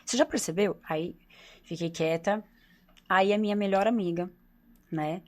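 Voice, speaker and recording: A woman's voice: medium pitch, moderate pace. A woman with a Brazilian accent, a doctor who runs a nutrition clinic, telling her personal story as a podcast guest in an earnest, confiding way, often tagging her sentences with "né?" and repeating phrases.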